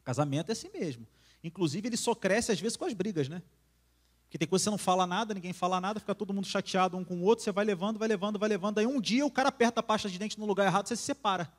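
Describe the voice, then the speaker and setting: Brazilian male preacher, casual sermon voice, slightly high pitch, chatty then tender. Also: very fast. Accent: Brazilian Portuguese. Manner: conversational, acts out quarrels, drops to soft intimate tone. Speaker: singer preaching at church. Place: church.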